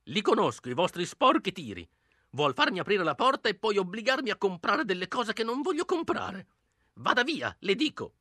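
A suspicious old woman shrieks at strangers from behind her door, a male reader putting on her voice high above his own. Her tone is bright and cutting, scolding nonstop. The storybook reading sits close and dry on the mic. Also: wildly swooping pitch, moderate pace, no echo, full character voice. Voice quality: shrill, strangely deep-toned. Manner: shouting, scolding through a door. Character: suspicious old woman living alone with cats. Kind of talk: audiobook character voice.

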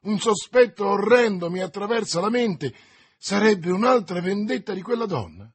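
A man voicing a young hot-blooded musketeer in an audiobook, speaking in an excited, pleading, raised voice. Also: high-pitched, unhurried, slightly rough, voice pushed up, full character voice. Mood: frantic. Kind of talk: audiobook character voice.

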